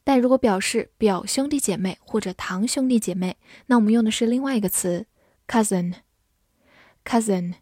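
A young woman teaching English vocabulary in a scripted lesson, spelling each word letter by letter and reading example sentences slowly. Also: mid-range voice, dark tone, no room sound, clean studio sound.

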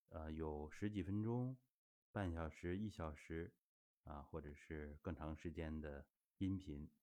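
A man's voice: sits low, warm tone. A middle-aged man teaching a health exercise, explaining steadily and patiently with frequent filler particles. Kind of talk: spoken teaching talk.

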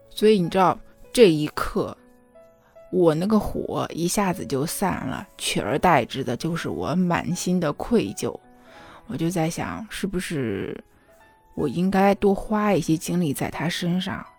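A woman's voice: lowish voice, darkish tone, husky. A woman in her thirties, a mother telling a personal story in an earnest, emotional, confiding way, often checking in with the listener. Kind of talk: confiding spoken monologue.

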